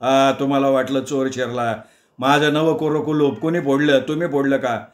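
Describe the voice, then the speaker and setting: A man's voice: mid-range voice, steady tone, moderate pace, reverberant, natural voice. A man doing an angry, fed-up neighbour. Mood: accusing. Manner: agitated, scolding. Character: fed-up middle-aged male neighbour, accusing.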